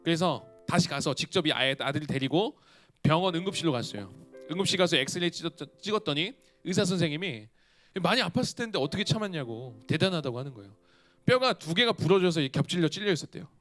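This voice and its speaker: A man's voice: fairly high pitch, animated, fast, fairly bright tone, faint music behind. A man giving a sermon to a youth congregation, telling a story and then pleading with his listeners. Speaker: youth pastor.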